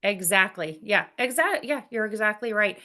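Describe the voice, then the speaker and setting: A woman's voice: medium pitch, normal speed. A woman guest in a casual interview, talking candidly and energetically with frequent laughs. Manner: energetic and candid, laughs often, many restarts. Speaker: guest, business executive.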